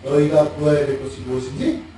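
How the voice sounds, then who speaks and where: A man's voice: on the high side, fast talker. A man preaching a sermon as pastor, asking the congregation questions and laughing as he acts things out. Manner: animated, asks the congregation questions, laughs while mimicking. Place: church sanctuary. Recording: echoey church hall, mic far off.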